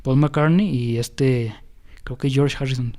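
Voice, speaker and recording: On a relaxed music-history podcast, the young Mexican-accented host takes his time, speaking at medium pitch with a dark tone. His talk rambles, with frequent fillers and restarts.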